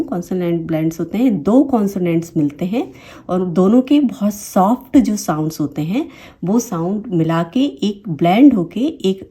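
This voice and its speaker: Woman teaching English phonics, dark voice. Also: mid-range voice. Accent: Indian English. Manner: repeats each example word twice, explains patiently. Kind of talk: phonics lesson.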